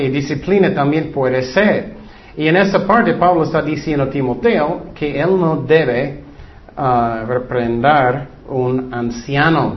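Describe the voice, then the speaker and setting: A man, a pastor, giving informal Bible teaching in an earnest, conversational way with frequent asides. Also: medium pitch. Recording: dull lo-fi recording.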